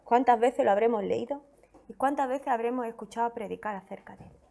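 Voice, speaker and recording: A woman's voice: on the high side, fairly quick, gravelly, warm tone. A woman pastor from Spain preaching a sermon with a Spain Spanish accent, reading scripture expressively and asking the congregation questions.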